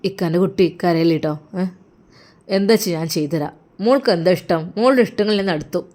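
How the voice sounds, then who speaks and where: A woman's voice: lowish voice, lively intonation, quick pace, dark tone, close to an everyday voice. A woman with a Malappuram Malayalam accent voicing a caring older brother who soothes and lectures earnestly. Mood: soothing. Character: caring protective older brother, young man. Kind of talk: storytelling role-play.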